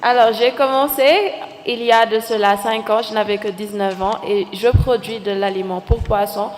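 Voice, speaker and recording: Woman in her twenties, Senegalese accent, mid pitch, panel speaker, long hall echo. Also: steady tone, brisk, a little hiss or hum. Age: 20s. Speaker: entrepreneur, panelist. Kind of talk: live panel account. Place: large conference hall stage. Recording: echoey hall sound over PA.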